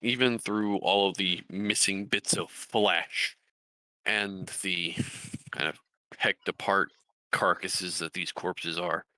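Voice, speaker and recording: A man running a tabletop game as game master, narrating scenes with measured pauses and fillers. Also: low voice, steady tone, sharp tone, dry recording, rough recording.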